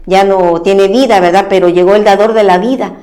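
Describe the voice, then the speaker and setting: Woman, church preacher, reads scripture, halting restarts, tag question after each phrase. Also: medium pitch, fairly even intonation, mellow. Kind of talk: Bible reading and preaching.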